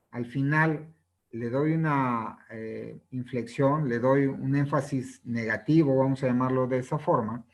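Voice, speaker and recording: A man's voice: medium pitch, rough recording. A man explaining a sales book in a lesson. He keeps tagging his phrases with a questioning "no?" and acts out sample questions with different intonations. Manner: ends many phrases with a questioning "¿no?" tag. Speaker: presenter reviewing a sales book.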